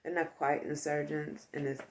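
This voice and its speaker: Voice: mid-range voice, level tone, moderate pace, slight background noise. A vlogger talking casually to the viewer, rambling and joking, with frequent asides. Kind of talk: casual chat.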